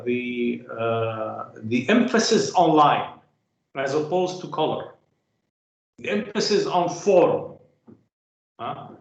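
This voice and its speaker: Halting male lecturer in an echoey room. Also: medium pitch, gravelly. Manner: halting, many filler sounds, rhetorical "huh?" checks. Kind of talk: academic lecture.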